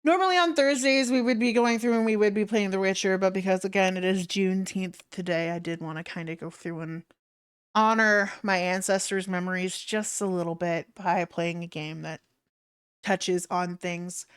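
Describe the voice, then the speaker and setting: A woman's voice: fairly low pitch, steady tone, moderate pace, clean tone. A woman hosting a game livestream, talking casually in a monologue to her viewers.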